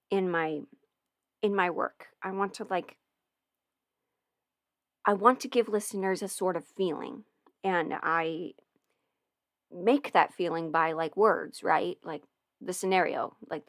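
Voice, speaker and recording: On the low side, this woman's voice comes through a dry, clean studio recording. A livestream host and audio roleplay creator, she rambles casually and hesitantly, cutting herself off and thinking out loud.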